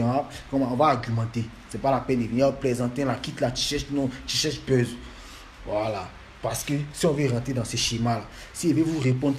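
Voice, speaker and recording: Guy ranting at fans, keeps repeating himself, slight background hiss. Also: mid-range voice. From Ivory Coast. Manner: scolding, repetitive, emphatic. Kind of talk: lecturing monologue to fans.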